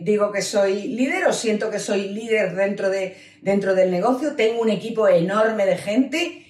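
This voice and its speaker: A woman's voice: mid-range voice, darkish tone. A woman with a Peninsular Spanish accent giving an earnest personal testimony at a business seminar, speaking directly to her listeners. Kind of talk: personal testimony talk to an audience. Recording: roomy sound from a distant mic.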